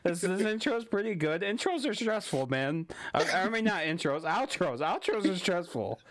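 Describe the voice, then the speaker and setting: A man's voice: high-pitched, sing-song, normal speed, no room sound, studio quality. A young man hosting a casual podcast, goofy and laughing often, swearing freely as he wraps up the episode. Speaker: podcast host.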